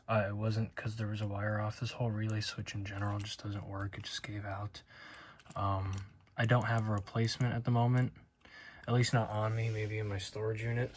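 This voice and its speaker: A man's voice: lowish voice, slight background noise. An American man talking casually and matter-of-factly through a hands-on repair, filming himself as he works. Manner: matter-of-fact, unscripted. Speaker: hobbyist repairing a Halloween animatronic.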